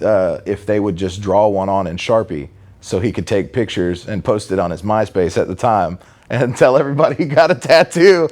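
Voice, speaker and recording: Low-voiced man telling a shop story. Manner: relaxed and rambling, with many restarts and fillers. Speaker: tattoo artist. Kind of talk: casual storytelling.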